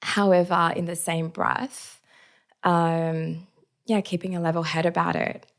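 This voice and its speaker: Still hoarse and raspy from being sick, this woman speaks in a lowish, level tone at a slightly slow pace. She's a podcast guest in a relaxed interview, musing aloud with many gentle fillers.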